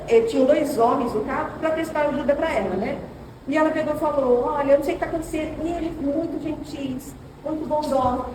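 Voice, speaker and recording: A middle-aged woman with a Brazilian accent, teaching a women's church class and telling personal stories while speaking directly to the "sisters" among her listeners. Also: high-pitched. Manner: animated storytelling, addressing listeners as sisters. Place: church hall. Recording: roomy hall, far mic, ambient noise.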